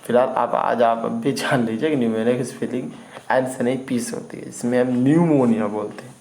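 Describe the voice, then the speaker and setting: A man's voice: mid-range voice, fairly even intonation, a little fast, darkish tone, a little hiss or hum, low-quality recording. A man teaching English vocabulary in an informal video lesson. He spells words out letter by letter and keeps checking in with his students.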